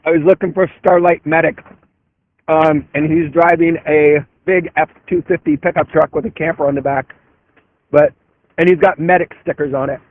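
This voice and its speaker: A man talking trucker CB radio chatter, calling out handles on the channel in a relaxed, casual way over a radio transmission. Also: a little high, moderate pace. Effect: tinny CB radio transmission. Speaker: convoy participant on the radio channel. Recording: tinny narrow-band radio, dry.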